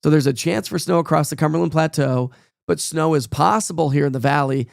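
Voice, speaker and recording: In a clean studio recording with no echo, a male meteorologist with a fairly high, gravelly voice speaks fairly quickly. He's losing his voice to a cold while giving a casual live weather forecast, chatty and folksy, rambling along with fillers.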